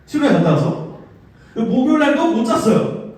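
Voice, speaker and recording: Male youth pastor, 30s, animated sermon style, roomy reverberant hall sound, mic set back. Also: extremely high pitch, fairly quick. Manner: animated, acts out voices and leads call-and-response. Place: church hall, live service. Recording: very echoey hall, mic from a distance.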